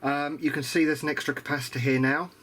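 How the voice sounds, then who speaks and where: A hobbyist repairer walks through a radio restoration, thinking aloud in casual, hesitant workbench talk. His voice is on the high side, level and fairly bright, and he speaks fast.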